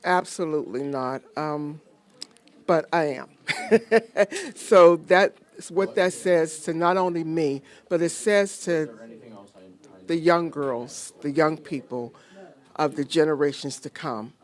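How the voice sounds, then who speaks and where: A woman's voice: low voice, steady tone, slow pace. A woman giving an earnest, emphatic interview to a reporter on election night. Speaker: interview guest.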